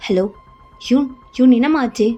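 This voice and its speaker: A woman's voice: high voice, moderate pace, dark tone, faint music behind, voice pushed up. A woman voicing an evasive, dismissive middle-aged father. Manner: dismissive, firm.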